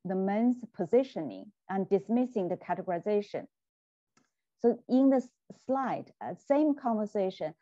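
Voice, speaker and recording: A woman giving a measured, deliberate academic talk over a video call. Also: mid-range voice, mellow, no room sound. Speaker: guest lecturer. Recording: dull video call audio.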